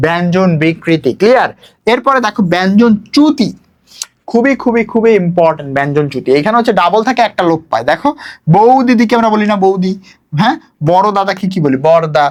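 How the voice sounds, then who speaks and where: A young man, teaching a recorded grammar lesson for admission exams, who asks questions and answers them himself. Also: high voice. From Bangladesh. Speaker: admission exam tutor.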